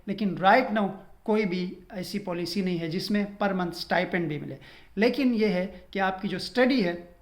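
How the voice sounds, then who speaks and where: A young man from Pakistan, vlogging and earnestly advising students, dropping English phrases into his talk. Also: high-pitched. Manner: earnest advice, code-switching with English phrases. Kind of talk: casual informational vlog.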